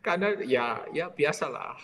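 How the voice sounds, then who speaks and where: A man in his forties, a priest leading a retreat, telling a personal story in a lively way and tagging his sentences with "ya". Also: a little high, moderate pace, in a large hall, slight background noise.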